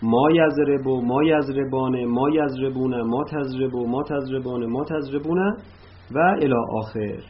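A man teaching an Arabic grammar lesson, patiently explaining and reciting verb forms in drills, with "uh" pauses between points. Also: medium pitch, fairly even intonation. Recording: slightly dull lo-fi recording with faint noise.

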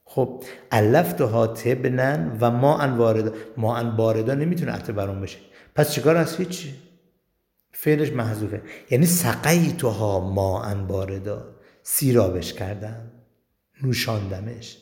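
A man's voice: medium pitch, gravelly, a little mellow. A male teacher giving a grammar lesson, explaining step by step and asking and answering his own questions. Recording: long reverb in a hall.

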